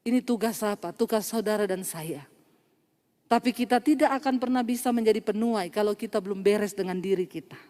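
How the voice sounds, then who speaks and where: A woman pastor preaching a storytelling sermon, lively and acting out dialogue, often laughing at her own jokes. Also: mid-range voice, a little fast, in a large hall. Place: church.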